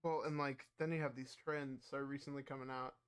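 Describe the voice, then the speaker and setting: A man's voice: mid-range voice, little pitch movement, brisk, clear, resonant tone. A man co-hosting a casual gaming podcast, rambling with lots of fillers and restarts. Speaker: podcast co-host.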